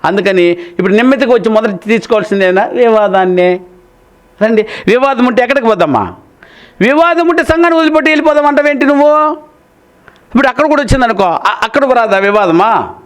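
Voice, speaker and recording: A high-pitched male pastor preaches with lively energy. He swings between fast, pointed rhetorical questions and slower, emphatic warnings. He addresses the congregation in a familiar, fatherly way. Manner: animated, rhetorical questions, addresses listeners as "nayana". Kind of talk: sermon.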